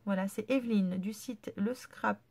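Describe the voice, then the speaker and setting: Woman vlogger with a cold-stuffed nose and a creaky, gravelly tone, chatty and full of praise. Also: mid-range voice, moderate pace, darkish tone. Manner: gushing, chatty, lots of fillers. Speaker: scrapbooking vlogger. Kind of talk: casual unboxing chat.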